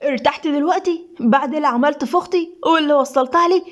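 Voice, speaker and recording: Woman narrator as a bitter young Egyptian woman, quick and high. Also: lightly acted. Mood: fierce. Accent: Egyptian Arabic. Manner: tearful, then fierce. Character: tearful, bitter young sister.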